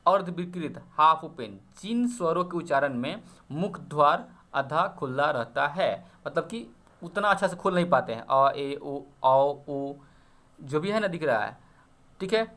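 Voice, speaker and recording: A man's voice: a little high, animated, moderate pace, fairly bright tone. A man teaching an exam-prep grammar lesson, explaining step by step and checking often that students follow. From Bihar.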